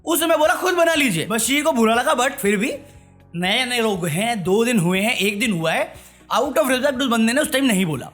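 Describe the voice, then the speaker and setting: A man's voice: very high-pitched, animated, moderate pace, a bit bright, faint music behind. A man giving a sarcastic, mocking rant as a reality-show commentary vlogger.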